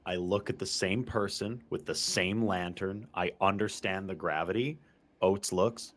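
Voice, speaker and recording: A man's voice: low-pitched, a little slow. A man playing a tabletop game, casually narrating what his character does. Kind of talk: casual role-play.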